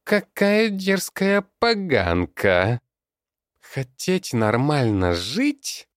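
A man voicing a cruel male goblin master with a high, screechy voice and mocking, broken speech, in an audiobook. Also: big pitch swings, extremely slow, no room sound, studio quality, exaggerated voice. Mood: menacing. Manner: mocking, broken grammar, yelling.

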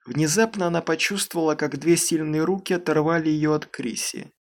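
A man narrating an audiobook in a steady, measured storytelling manner. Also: fairly high pitch. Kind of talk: scripted narration.

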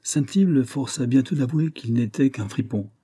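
A man reading a saint's legend aloud as an audiobook, in a measured, deliberate way. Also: mid-range voice, mellow, husky. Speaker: audiobook reader. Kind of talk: storybook narration of a saint's legend.

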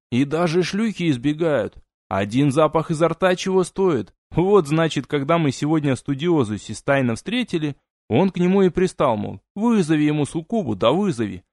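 A man's voice: on the high side, darkish tone, no room sound, studio quality. Man voicing a drunk young student, loose, gossipy, scornful, slightly raised voice. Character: drunk young male student, brash and mocking.

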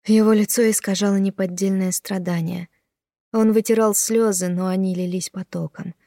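A woman narrating an audiobook in a measured storytelling manner. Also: medium pitch, fairly even intonation, warm tone, dry recording, clean studio sound. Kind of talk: scripted narration.

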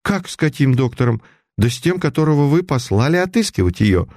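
A man reading the lines of an anxious young woman in a storybook, his voice lifting higher. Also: big pitch swings, brisk, a little mellow, no room sound, studio quality, close to an everyday voice.

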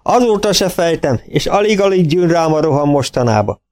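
Man doing a high, rustic old farmer. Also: expressive, a little mellow, natural voice. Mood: pleased. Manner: rustic country dialect forms. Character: big, stately old farmer with a rustic way of talking.

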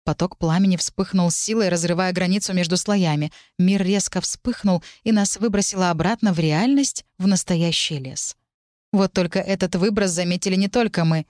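Woman reading a fantasy story out loud, lowish voice, dramatic, super dry close recording. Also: normal speed, no room sound. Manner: dramatic, shouting out the characters' cries. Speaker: audiobook narrator. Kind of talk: scripted first-person fantasy narration.

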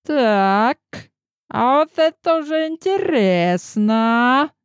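A woman voicing a sharp-tongued, bossy old grandmother in an audiobook, speaking slowly and mockingly. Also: fairly high pitch, lively intonation, no echo, studio quality. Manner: gruff, mocking, slow and deliberate. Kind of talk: audiobook character voice.

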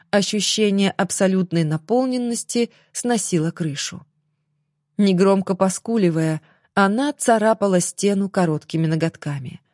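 A woman narrates an audiobook with an expressive, dramatic delivery. Her voice sits at a middling pitch. The recording is dry and close, with no room sound. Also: no echo. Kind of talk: scripted narration.

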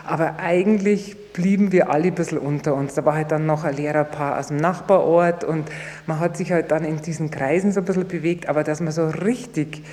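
A woman's voice: low voice, fairly even intonation, fairly quick, mellow, in a large hall. A woman recalling her past in a chatty, somewhat hesitant radio interview. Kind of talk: casual recollection.

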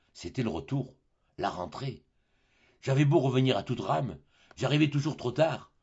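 A man reading a classic story aloud as an audiobook narrator, in a measured, expressive way with a husky voice. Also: mid-range voice, dull audio. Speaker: audiobook reader.

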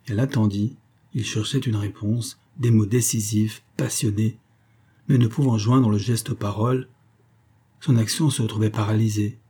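A male audiobook narrator reading a classic novel in a measured, hushed way. His voice is low and dark, with a slightly husky edge. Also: fairly even intonation.

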